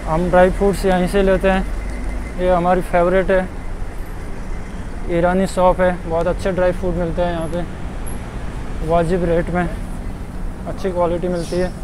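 A man's voice: high-pitched, monotone, measured pace, pauses often, noisy background. A young man vlogging a walking tour of a market, chatting and pointing things out to viewers, recorded on a lapel mic outdoors and in shops. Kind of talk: casual walking-tour vlog. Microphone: clip-on lapel mic.

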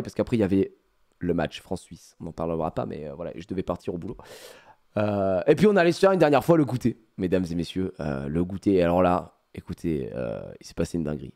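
A man telling his viewers a holiday story in a casual, animated way, with lots of fillers. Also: medium pitch. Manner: animated, many fillers, addresses viewers directly.

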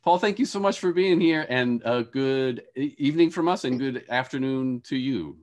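A professor in his forties, serving as host and moderator, introduces the speakers of an online panel over a video call in an indoor room with shelves. He speaks at a moderate pace in a mid-range, slightly mellow voice, hesitating and repeating words as he goes.

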